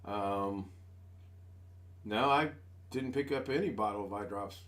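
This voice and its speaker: A US man in his sixties casually streams live from home over a desk USB microphone, chatting in a rambling, folksy, self-deprecating manner. His voice is fairly low and fairly bright, and he talks a little slowly.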